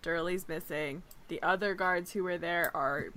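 A woman's voice: fairly low pitch, steady tone, a little slow, a bit bright. Woman player, casual, profane. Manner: casual, profane, thinking aloud with ums. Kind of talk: casual chat at a tabletop game.

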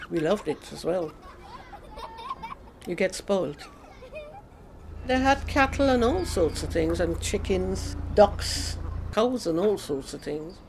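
A woman in her eighties from Guyana, chatting in an interview about her life, with easy laughs and halting restarts. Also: lowish voice, lively intonation, darkish tone, soft background music, a faint crowd. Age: 80s. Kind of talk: casual reminiscing interview.

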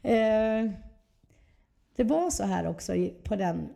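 A woman's voice: medium pitch, lively intonation, creaky, warm tone. A woman, telling her personal story candidly and reflectively as an interview guest. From southern Sweden.

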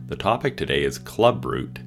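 Deep voiced guy hosting a podcast, calm friendly questions, faint guitar behind. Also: moderate pace, gravelly. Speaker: podcast host. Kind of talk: scripted intro and interview questions.

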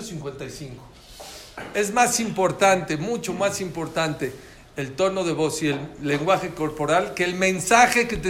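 A high-pitched man with a Mexican Spanish accent lectures a live audience on listening, keeping it animated and asking them questions along the way. The room is echoey, with faint ambient noise.

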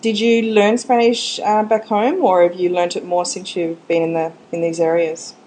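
A woman host asks questions conversationally. Her voice is mellow and on the low side, with faint noise behind it. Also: level tone, normal speed, rough recording. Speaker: podcast host, interviewer. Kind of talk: casual interview.

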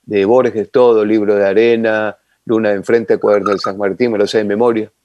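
An older man, telling long animated stories as an interview guest. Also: fairly low pitch, brisk, lo-fi sound, a little hiss or hum. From Ecuador. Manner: animated, rambling reminiscence with sound effects. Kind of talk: casual storytelling interview.

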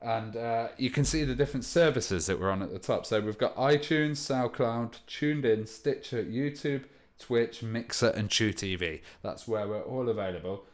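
A man's voice: mid-range voice, moderate pace. A man hosting a DJ music show in casual, explanatory livestream chat, speaking into headphones used as a microphone.

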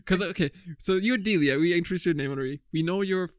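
A young man in his twenties hosts a laid-back podcast, talking in a rambling, chatty way and laughing often. His voice sits a touch high for a man, and the sound is dry and close. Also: fast talker, dry recording. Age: 20s. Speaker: podcast host. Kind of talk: casual chat.

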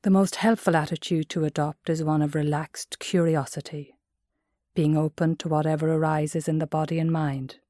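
An Irish woman with a low-pitched voice guides a mindfulness meditation, gentle and measured like careful instruction. Her delivery is flat, and the sound is dry with no room around it.

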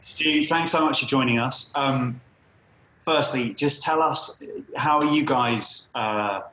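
A man's voice: mid-range voice, slow, sharp tone. Echoey, hesitant male podcast host. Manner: hesitant, loosely phrased. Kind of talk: casual chat. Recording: echoey room sound.

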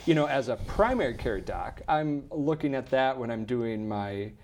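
A man's voice: mid-range voice, animated, normal speed, a little mellow. A man, a primary care doctor, hosting a medical call-in show, chatting with guests and reading out how to send questions. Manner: friendly, conversational, reads call-in details.

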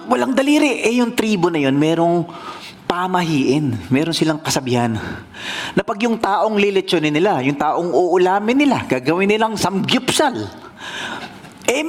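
A man from the Philippines, a pastor telling a story in a sermon in a playful, animated way. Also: high voice.

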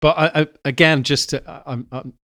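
Male podcast host: thoughtful, halting questioner, dry close mic. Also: a little high, fairly even intonation, sharp tone, no room sound. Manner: thoughtful, stumbles and restarts his questions. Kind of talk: casual interview.

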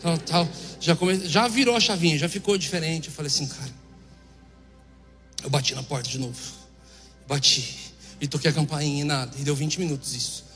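High-voiced Brazilian preacher in a hall. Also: male voice, brisk. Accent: Brazilian Portuguese. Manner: lively storyteller who acts out dialogue. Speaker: preacher giving testimony. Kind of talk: storytelling sermon. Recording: echoey hall with faint music.

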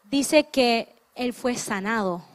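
A woman's voice: a little high, slow. A woman interpreting a sermon phrase by phrase, restarting mid-word and hesitating as she searches for words.

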